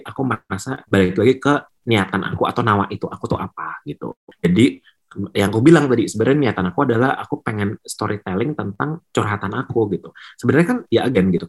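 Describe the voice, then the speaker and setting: Young guy, low husky voice, halting casual interview talk with lots of fillers. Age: young adult. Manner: hesitant, many fillers and restarts, mixes in English. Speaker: musician guest.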